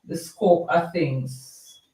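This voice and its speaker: A Jamaican host chatting casually on a live stream, reading viewer comments and drifting between topics, often repeating words. The voice sits at a middling pitch. It sounds roomy and a little distant, as if the speaker is sitting back from the mic. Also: extremely slow, darkish tone.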